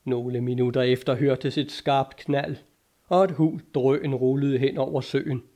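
A man narrating an adventure audiobook in a measured, dramatic reading. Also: medium pitch, steady tone, dark tone.

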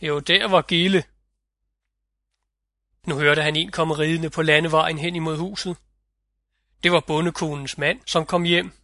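A man narrating a fairy tale audiobook in a measured storytelling manner, close to the mic. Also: fairly high pitch, steady tone, sharp tone, no echo.

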